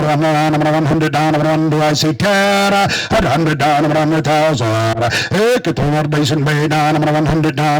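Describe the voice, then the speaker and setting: A livestock auctioneer with a South African Afrikaans accent calls bids in a repetitive, rhythmic chant with commentary, switching between two languages. His voice is a little high, and the audio is poor.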